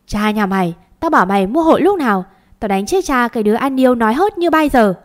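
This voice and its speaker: A woman voicing a sharp-tongued older mistress who scolds and curses her servants in a storybook reading. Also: mid-range voice, a little fast, natural voice. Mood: angry.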